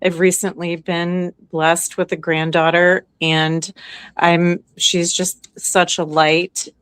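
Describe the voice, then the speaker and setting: Mature female participant, sincere and hesitant; slow, smooth delivery, dry sound. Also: on the low side, little pitch movement, a bit bright, no room sound. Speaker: participant asking a question. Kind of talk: sincere, grateful question to a spiritual channeler.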